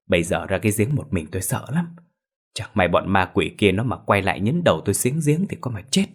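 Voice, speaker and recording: A man's voice: low voice, very animated, brisk, slightly rough, exaggerated voice. A man playing a cowardly old village chief. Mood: fearful mutter. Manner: frightened, pleading, mutters.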